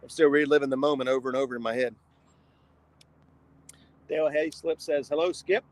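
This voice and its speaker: A man with a gravelly voice chatting casually and in a folksy way as he hosts an outdoor fishing livestream, sometimes reading comments aloud. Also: a little high, steady tone, fairly quick. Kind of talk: casual live chat while fishing. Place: outdoors on a riverbank. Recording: noisy outdoor livestream with traffic sounds.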